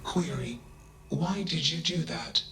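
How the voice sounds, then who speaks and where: Slow, stilted logical robot. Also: male voice, on the high side, vocal fry, a bit bright, exaggerated voice. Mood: flat, curious. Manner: stilted, announces each statement type. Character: damaged logical robot learning human friendship. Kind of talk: video game character dialogue.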